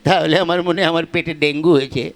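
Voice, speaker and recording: A man's voice: on the high side, steady tone, fast, lightly acted. A man voicing a drunken, fretful village husband in a comic puppet play, talking in a whiny, anxious way. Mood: worried. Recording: music playing behind.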